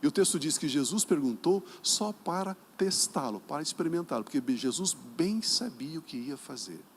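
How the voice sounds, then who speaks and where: A middle-aged man with a Brazilian Portuguese accent preaching a sermon as pastor, emphatic and dramatic, acting out dialogues and swinging from soft to loud. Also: on the high side, expressive, normal speed, slight background noise. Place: church sanctuary during a service.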